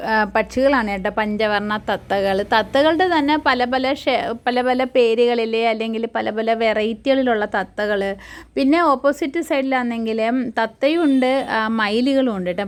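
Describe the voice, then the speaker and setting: A woman narrating her family's outing in a casual, chatty voice-over, often checking in with her listeners. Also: on the high side. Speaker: vlogger and mother.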